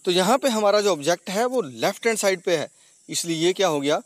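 A man's voice: high-pitched, expressive, fairly quick, no echo. A male teacher explaining slides, who asks himself questions and answers them, and mixes in English terms. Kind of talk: slide-based physics lesson voice-over. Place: not on camera, voice over slides.

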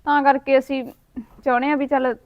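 A woman's voice: high-pitched, little pitch movement, a little fast, lo-fi sound, lightly acted. An actress with a Punjabi accent playing a trusting young village woman who talks in an earnest, coaxing way.

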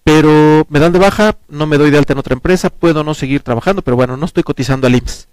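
A man's voice: fairly high pitch, quick pace, no room sound. A man in his forties with a Mexican Spanish accent, a guest advisor explaining pensions earnestly on a studio talk show, speaking into a headset mic. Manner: earnest, explains at length with lively hand gestures. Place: small TV studio set, indoors.

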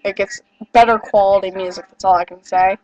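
This teenage vlogger speaks fairly quickly in a steady, mid-range, slightly mellow voice, a little nasal from a cold that's fading. She rambles chattily and self-deprecatingly to her webcam with lots of fillers and apologies, in a small wood-paneled bedroom, via a rough, dry built-in webcam mic.

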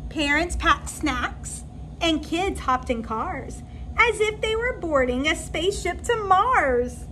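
High-pitched woman reading unhurriedly to children. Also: takes it slowly, a little hiss or hum, poor audio. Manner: expressive, animated delivery to children. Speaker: kindergarten teacher. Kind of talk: read-aloud storytelling for young children. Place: indoor classroom.

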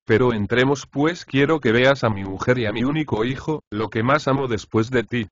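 A man voicing a thrifty, self-satisfied farmer who speaks in a measured, earnest way in an audiobook of a comic play. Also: medium pitch, highs cut off, natural voice.

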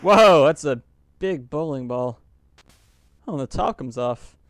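A man's voice: on the high side, lively intonation, unhurried, dry recording. A man hosting a let's play video, reacting aloud with frequent laughs and exclamations. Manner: jumpy, exclaiming, laughing often. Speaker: host.

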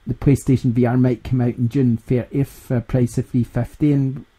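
A man's voice: medium pitch, little pitch movement, normal speed, warm tone. A Scottish man hosting a gaming podcast in casual chat, laughing often and rambling. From Scotland. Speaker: podcast host.

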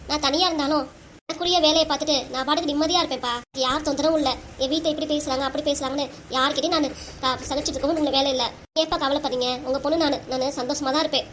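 A woman's voice: high voice, a bit bright, a little hiss or hum. A woman voicing an emotional, argumentative family quarrel in a cartoon. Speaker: voice actor for all the figures. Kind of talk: cartoon voice acting.

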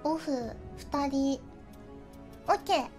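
A woman streaming a fighting game, chatting casually, often laughing and yelping excitedly as she plays, with game music behind her. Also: high-pitched, slow pace. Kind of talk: casual game livestream chat.

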